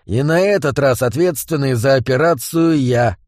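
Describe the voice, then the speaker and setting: A man voicing a laconic male assassin who speaks calmly and curtly. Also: mid-range voice, normal speed, dry recording, studio quality, close to an everyday voice. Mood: cool. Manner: calm and curt. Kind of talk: audiobook character voice.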